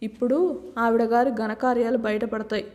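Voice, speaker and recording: A woman's voice: a little high, fairly even intonation, moderate pace, a little mellow, lightly acted. A woman voicing a sarcastic, exasperated rich young husband, with a long reverb. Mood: mocking. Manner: mocking, exasperated.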